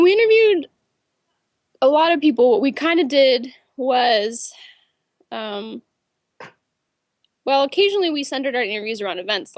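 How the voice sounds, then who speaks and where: A woman's voice: a little high, no echo, clean studio sound. A young woman, a film director, answering interview questions in a chatty storytelling way with many fillers.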